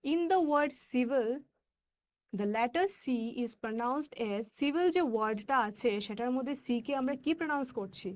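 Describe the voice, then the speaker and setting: A woman English teacher with a Bengali accent and Bengali as her first language, teaching children, reading words slowly and deliberately with quicker asides. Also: high-pitched, animated, lo-fi sound. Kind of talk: classroom lesson for children.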